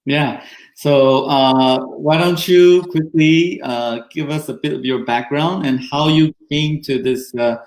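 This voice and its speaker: A man's voice: fairly high pitch, fairly even intonation, takes it slowly. A man co-hosting an interview, asking questions hesitantly with many ums and restarts. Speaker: podcast co-host. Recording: roomy echo.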